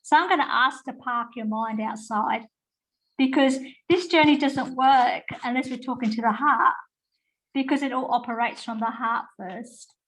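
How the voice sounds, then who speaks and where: A woman's voice: on the high side, normal speed, poor audio. Chatty Australian woman with English twang. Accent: Australian with a slight English twang. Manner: warm, chatty, with rambling asides and fillers. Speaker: guest speaker. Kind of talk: informal spoken talk. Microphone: video call.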